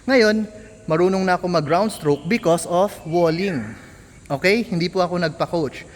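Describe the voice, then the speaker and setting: A man's voice: high voice, normal speed. A young Filipino man with a Filipino accent, candidly explaining himself as an amateur tennis coach in a casual vlog. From Philippines. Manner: candid, apologetic, mixing English into Tagalog. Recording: long hall reverb, faint ambient noise.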